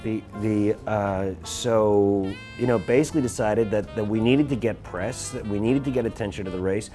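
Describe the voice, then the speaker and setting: Animated storytelling man guest. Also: fairly low pitch, normal speed, faint music behind. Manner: animated, frequent restarts. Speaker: interview guest. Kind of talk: casual chat, storytelling.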